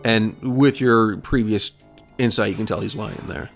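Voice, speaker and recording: A man's voice: on the low side, moderate pace, gravelly, soft background music. A man narrating as game master, giving plain, matter-of-fact rulings.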